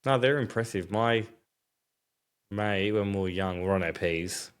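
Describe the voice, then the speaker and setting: A man's voice: fairly low pitch, normal speed, smooth. A man with an Australian accent in casual, laid-back and colloquial conversation. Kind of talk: casual car chat.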